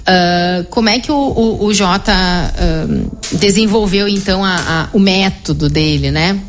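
A middle-aged woman psychologist, explaining her method in an animated conversational interview, often tagging her sentences with "né?". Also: medium pitch, a little slow, slight background noise. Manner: explanatory, animated, frequent "né?" tag questions.

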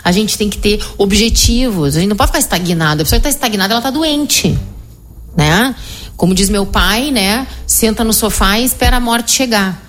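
A middle-aged woman psychologist, explaining her method in an animated conversational interview, often tagging her sentences with "né?". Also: mid-range voice, normal speed, slight background noise. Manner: explanatory, animated, frequent "né?" tag questions.

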